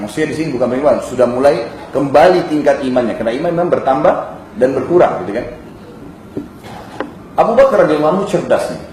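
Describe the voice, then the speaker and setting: Preacher guy storytelling, kinda high voice, lots of hall echo, faint ambient hum. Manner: lively, addresses the audience directly. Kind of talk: storytelling sermon.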